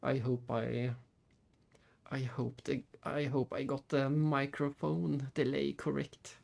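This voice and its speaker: Gravelly-edged man chatting on a game stream. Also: mid-range voice, little pitch movement, takes it slowly, a little mellow. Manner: thinking aloud, muttering to himself. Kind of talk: casual live-stream chat while playing.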